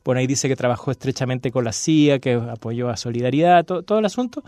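A fast-talking Chilean man with a mellow, mid-range voice, captured in a dry recording, appears as a guest on a university radio show. He reads with passion and a repetitive cadence, then moves into casual conversation about a novel.

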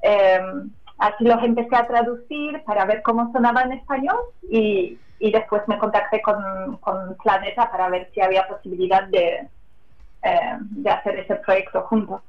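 A woman's voice: mid-range voice, steady tone, moderate pace. Hesitant woman on a dull lo-fi line. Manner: hesitant, many fillers and tag questions. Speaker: translator, interview guest. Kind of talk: casual radio interview answers. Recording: dull lo-fi audio.

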